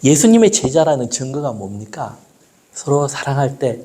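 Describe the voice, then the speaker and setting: Lively pastor. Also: male voice, medium pitch. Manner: lively, asks the congregation questions and answers them himself; slows down when quoting scripture. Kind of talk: sermon.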